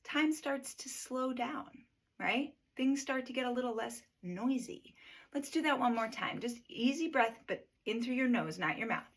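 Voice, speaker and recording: Breathwork teacher, female, husky tone, chatty coaching delivery. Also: on the high side, lively intonation, moderate pace. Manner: conversational, coaching, checks in with "right?". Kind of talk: guided breathing lesson.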